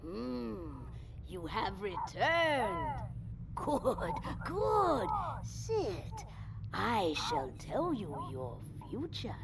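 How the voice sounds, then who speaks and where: Slow, swooping old fortune teller. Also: female voice, mid-range voice, huge pitch swings, vocal fry, exaggerated voice. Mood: ominous, knowing. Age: older. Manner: fortune teller's theatrical, mysterious delivery with drawn-out phrases. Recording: loud noisy ambience under the voice.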